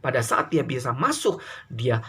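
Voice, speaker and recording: A man's voice: medium pitch, very animated, normal speed, sharp tone, breathy edge. A middle-aged man from Indonesia, a pastor preaching a sermon and telling stories to his congregation. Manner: storytelling, addresses congregation directly, frequent fillers.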